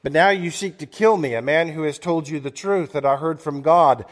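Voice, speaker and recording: A man delivering a sermon as pastor, earnest and measured, slowing down to stress key words and reading scripture aloud. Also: fairly high pitch. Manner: earnest, measured preaching with slowed emphasis and quoted scripture. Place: church. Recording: long church reverb.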